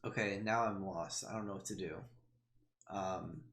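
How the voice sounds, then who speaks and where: A man's voice: low-pitched, fairly even intonation, normal speed, a bit bright. A male streamer playing a text adventure, reading the game text aloud with hesitant ums and wry self-mocking asides. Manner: hesitant, many ums and trailing thoughts.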